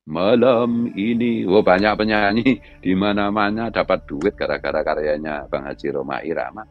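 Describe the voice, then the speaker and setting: A middle-aged man with a Javanese accent, a religious commentator who delivers a heated monologue, scolding in a loud, raised voice. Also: sits low, flat delivery, normal speed, narrow, tinny audio.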